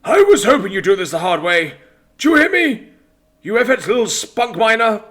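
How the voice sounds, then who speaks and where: A man voicing a foul-mouthed, violent old Santa Claus in a spoken story, mocking and shouting threats. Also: sits high, big pitch swings, moderate pace, pitched above the performer's own voice. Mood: gleeful menace.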